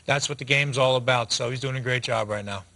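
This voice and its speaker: A man in his forties giving post-game hockey analysis in a TV studio, talking fast with restarts, on a lapel mic. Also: mid-range voice, gravelly. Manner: fast, animated talk with restarts, gesturing with hands. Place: TV studio set.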